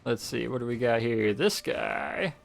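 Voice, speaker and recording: A man narrating as game master, animated and laughing often as he counts out rolls and moves. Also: mid-range voice, measured pace, vocal fry, soft background music.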